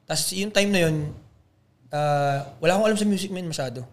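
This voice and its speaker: A young adult man, a podcast guest, telling stories in a loose, animated way, full of slang fillers. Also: high voice, brisk. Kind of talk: casual storytelling chat.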